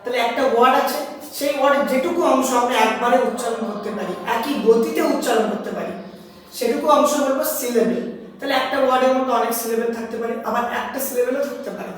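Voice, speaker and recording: Heard from afar in an echoey hall with slight background noise, a woman with a fairly high voice teaches English grammar quickly. She has a Bengali accent, explains each step, quizzes her students, and breaks words into syllables.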